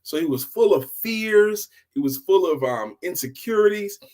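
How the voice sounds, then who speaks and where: A middle-aged sales coach and speaker hosts an informal motivational storytime, repeating key phrases for emphasis like a seasoned pro. His voice is high, animated, and a little mellow, at a moderate pace.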